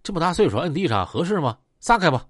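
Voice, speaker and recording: A man acts out a shrewd young gang leader with a Northeastern Mandarin accent who calms things down. His talk is soothing and persuasive, with lively pitch. The sound is close and dry. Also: quick pace, no echo. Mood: placating.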